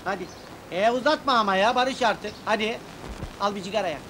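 A man playing a loud joking hustler, highish voice, old noisy movie sound. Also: a little fast, lightly acted. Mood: coaxing. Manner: rough, bantering, exclamatory. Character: streetwise working-class man, bear handler. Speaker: lead comic character.

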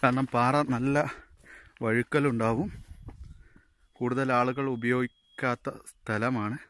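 A man talks on location as he walks among forest caves. His voice is bright and forward. He guides viewers along the path and repeatedly tells them to take care. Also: medium pitch, steady tone, slow pace. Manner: cautioning, guiding while walking. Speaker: travel vlogger. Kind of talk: on-location vlog commentary. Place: outdoors in rocky forest caves.

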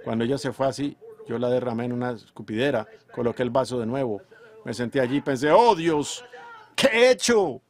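A man's voice: mid-range voice, fairly even intonation, fast talker, darkish tone. A man preaching a sermon in a fervent way, drawing out his emphatic phrases. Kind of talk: sermon delivered in Spanish voice-over.

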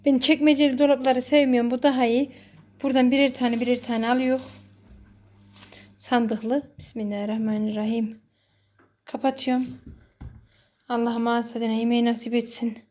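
A woman's voice: fairly high pitch, little pitch movement, normal speed, long pauses, darkish tone. A woman vlogging at home, chatting casually as she works and adding short prayers. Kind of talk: casual narration while working.

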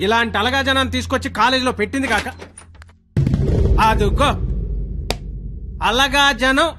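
An actor playing a middle-aged man who scolds and mocks loudly and sarcastically in a film scene. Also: very high-pitched, steady tone, normal speed. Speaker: angry uncle berating a college. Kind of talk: film dialogue. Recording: film audio with music behind.

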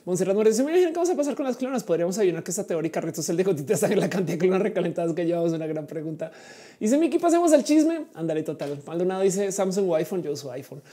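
Reading her viewers' messages during a livestream, a woman in her forties keeps things chatty and playful with plenty of fillers. Her lowish, warm voice swings widely in pitch and comes out rapid-fire.

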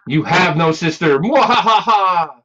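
Guy doing gloating video game villain, slow theatrical menace, kinda high for a man, muffled recording. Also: animated, pushed and bright, full character voice. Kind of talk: reading video game dialogue aloud. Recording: dull lo-fi room camera recording.

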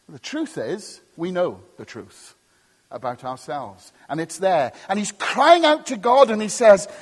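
Male pastor, husky and expressive, emphatic sermon style, long church reverb. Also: sits high. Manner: emphatic and repetitive, punchy short phrases; conversational asides to the congregation.

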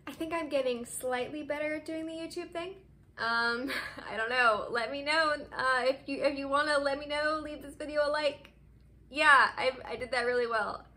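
A woman in her twenties chatting to the camera in a casual vlog from her bedroom, expressive and gesturing as she talks. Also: high voice, slight background noise. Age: 20s. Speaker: vlogger. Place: bedroom, seated on a bed indoors.

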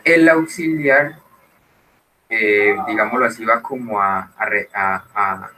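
A man teaching an English grammar lesson, explaining slowly and often checking with "¿cierto?". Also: fairly low pitch, steady tone, pushed and bright, recorded from a distance, a little hiss or hum, poor audio. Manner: explains slowly, mixes Spanish and English, keeps asking "¿cierto?". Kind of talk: recorded online grammar lesson.

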